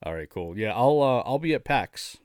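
A man's voice: mid-range voice, lively intonation, normal speed, a little mellow, smooth, dry recording, studio quality. A man co-hosting a casual podcast chat, eager and chatty, sometimes stumbling over names. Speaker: podcast co-host.

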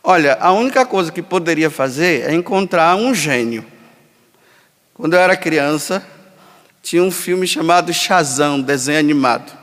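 Emphatic high-voiced priest. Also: male voice, expressive, moderate pace, fairly bright tone. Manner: emphatic, acts out imagined dialogues. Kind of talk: sermon. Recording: long hall reverb.

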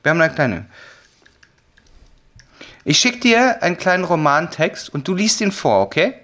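A man hosting a casual podcast chat, lively and jokey, talking into a close microphone. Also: a little high, moderate pace. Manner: lively, jokey, talks with a pen in his mouth at times.

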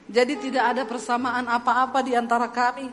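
A woman's voice: fairly high pitch, fairly quick, slight background noise. A woman from Sulawesi with a Sulawesi accent, preaching a sermon and animatedly acting out stories with humor. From Sulawesi, Indonesia. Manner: animated, acts out dialogue, laughs at her own stories. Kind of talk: sermon with humorous personal storytelling. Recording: echoey hall with faint music.

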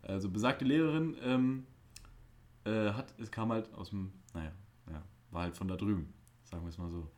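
A young man co-hosting a podcast chats casually, joking around and telling stories like a self-styled class clown. He speaks at a moderate pace with a fairly low pitch and a darkish tone.

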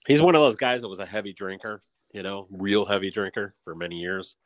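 A man's voice: on the low side, fairly quick, no echo. A man in casual chat, telling stories and laughing often. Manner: chatty storyteller, laughs often.

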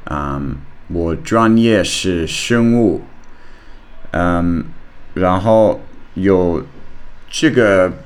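Deep-voiced foreign man speaking slow Mandarin. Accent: foreign, non-native Mandarin. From Australia. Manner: halting, searching for words, simple learner phrasing. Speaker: podcast host. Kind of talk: casual personal monologue.

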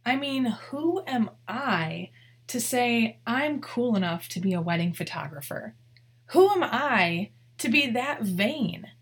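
Earnest, breathy woman podcast host. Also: fairly high pitch, expressive, slow pace. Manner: heartfelt, earnest, addresses listeners directly. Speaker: podcast host, wedding photographer. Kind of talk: solo podcast monologue.

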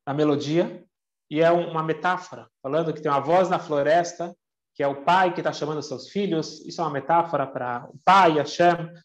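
A man telling a religious story, in an emotive way with slow, dramatic pauses. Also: a little high, a bit bright. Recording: echoey room, dull lo-fi sound.

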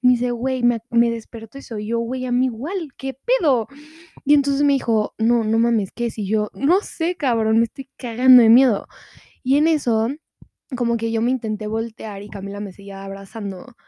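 A young woman with a Mexican Spanish accent telling a scary story to a friend on a podcast, slangy and animated, acting out what everyone said. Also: on the high side, a little fast, no echo, clean studio sound. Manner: animated, slangy, acts out quotes. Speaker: podcast co-host. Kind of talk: casual storytelling chat.

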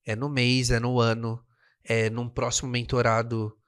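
A man's voice: medium pitch, little pitch movement, normal speed, fairly bright tone, clear, resonant tone. A man mentor talking in a casual podcast chat, blunt and slangy, fired up as he makes his point.

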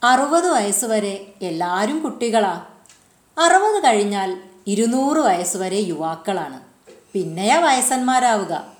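A woman voicing a gentle, patient alien boy who explains his world. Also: mid-range voice, sing-song, a little slow. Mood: explaining. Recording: roomy echo.

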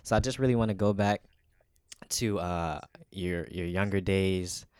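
A man's voice: deep voice, measured pace, a little mellow, clear, resonant tone, dry recording, studio quality. A man interviewing a guest in casual podcast chat, with a rambling, wordy way of asking.

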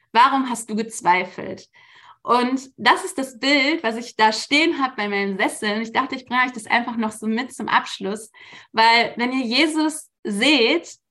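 A woman in her thirties giving a casual devotional talk at church, colloquial and relaxed, with frequent filler sounds. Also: on the high side. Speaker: church speaker.

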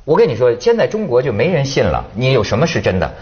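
Fast, lively man telling a story. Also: medium pitch, dull audio, crowd noise. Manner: animated storyteller, acts out dialogue. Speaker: talk show guest. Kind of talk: casual chat.

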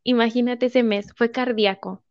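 A young woman with a Mexican accent tells her story with energy and acts out the voices of the people in it. Her voice sits a little high and sounds dry and close, with muffled, lo-fi audio. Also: moderate pace, no echo. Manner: lively storyteller acting out quotes. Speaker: guest. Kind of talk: casual interview chat.

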